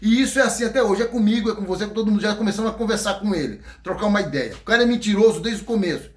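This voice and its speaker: A man's voice: high-pitched, very fast. A man with a Brazilian accent preaching an informal sermon in a folksy, joking way, acting out scenes. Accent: Brazilian Portuguese. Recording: echoey room.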